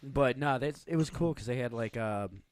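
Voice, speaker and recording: A man's voice: mid-range voice, normal speed, dry recording. A man co-hosting a casual car podcast, rambling and easygoing. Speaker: podcast co-host. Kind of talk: casual chat.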